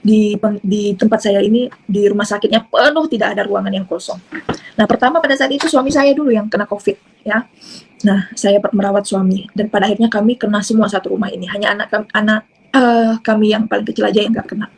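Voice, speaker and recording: A middle-aged woman giving an earnest personal testimony, halting often with fillers and restarts. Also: mid-range voice, steady tone, creaky, slight background noise, poor audio. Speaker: testimony speaker.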